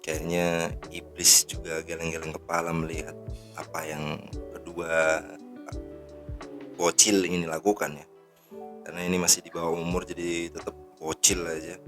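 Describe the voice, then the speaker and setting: Brief: deep-voiced man in his 30s, indignant casual news commentary host, faint music underneath. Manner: indignant, rambling with fillers.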